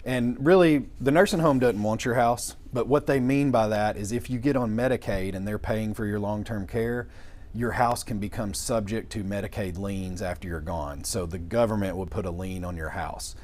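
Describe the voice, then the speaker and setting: A man's voice: fairly low pitch, normal speed, darkish tone. A young man, explaining things as a lawyer in an interview with folksy, informal phrasing. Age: young adult. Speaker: estate planning lawyer. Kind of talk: interview answers in plain explanatory talk.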